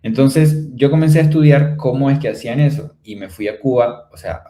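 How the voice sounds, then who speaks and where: This speaker, a man from Maracaibo, Venezuela, talks a little fast in a mid-range voice with a dark tone and a Venezuelan accent. Appearing on a spiritual talk show, he explains things earnestly, frequently asking his listeners rhetorical questions tied off with recurring tag phrases.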